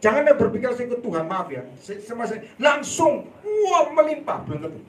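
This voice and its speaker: A man preaching a sermon in a church hall, telling a story with laughter and sudden loud outbursts. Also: very high-pitched, big pitch swings, brisk, slight background noise. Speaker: evangelist preacher. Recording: echoey hall, voice from a distance.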